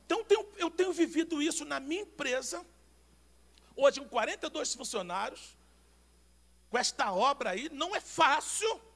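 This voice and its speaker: A Brazilian man preaching a sermon as pastor, telling personal anecdotes in an animated, emphatic way with repeated words. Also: very high-pitched, moderate pace. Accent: Brazilian Portuguese.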